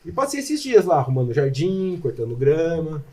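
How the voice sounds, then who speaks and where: A Brazilian man, a podcast guest, telling a personal testimony in an animated, emotional way and acting out his prayers aloud. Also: a little high, moderate pace. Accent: Brazilian Portuguese.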